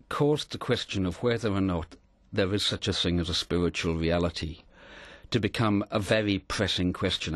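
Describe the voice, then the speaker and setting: Middle-aged man from Scotland, very low voice, dry close sound, earnest measured storyteller. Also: no echo. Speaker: interview guest. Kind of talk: reflective storytelling in an interview.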